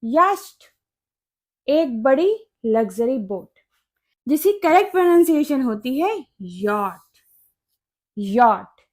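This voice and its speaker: Woman from India, pronunciation teacher; high voice, unhurried, repeats each word with care. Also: sing-song, warm tone. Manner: slow, repeats words carefully for learners. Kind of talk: pronunciation lesson.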